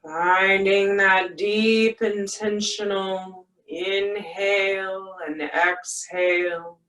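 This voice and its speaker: A soothing yoga-teacher voice leading a guided meditation at an extremely slow pace, with long pauses between phrases. The pitch sits in a middle range, and the sound is roomy and set back from the microphone. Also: little pitch movement, pushed and bright. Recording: echoey room, distant from mic.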